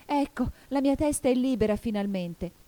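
A woman's voice: lowish voice, big pitch swings, normal speed, warm tone. A woman voicing an earnest young girl in a storybook reading, exclaiming and protesting. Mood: bewildered. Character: puzzled, earnest young girl in a fantasy world.

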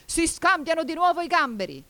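A woman voicing a boisterous, bossy gryphon creature in an audiobook, talking brisk and gruff. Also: on the low side, animated, darkish tone, natural voice. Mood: brusque. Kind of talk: audiobook character voice.

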